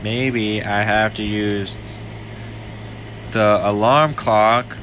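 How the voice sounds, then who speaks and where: A man's voice: on the low side, steady tone, drawn-out words, background noise. A man doing casual gameplay commentary, talking to himself and repeating his phrases. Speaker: gamer narrating gameplay.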